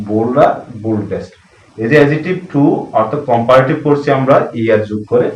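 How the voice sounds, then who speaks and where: A man with a Bangladeshi Bengali accent teaching English grammar in a slow, classroom-style lesson, repeating key terms and asking and answering his own questions. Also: mid-range voice. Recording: echoey room, mic at a distance.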